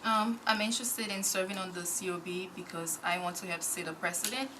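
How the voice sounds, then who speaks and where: A young woman from Haiti answering interview questions as a board nominee, measured and full of small pauses. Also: fairly low pitch, fairly even intonation, noisy background. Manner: measured, frequent ums. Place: council committee room.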